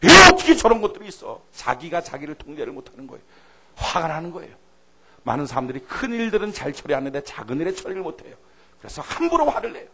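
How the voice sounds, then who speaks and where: A man preaches a dramatic sermon as a pastor, swinging between loud outbursts and hushed asides and leading his congregation in call-and-response. His voice is a little high, slightly rough, animated and quick.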